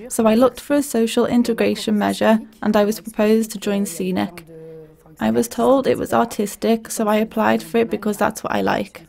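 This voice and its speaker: A woman reading documentary voice-over translations in a plain, measured way. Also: fairly high pitch, fairly even intonation, gravelly, a little mellow.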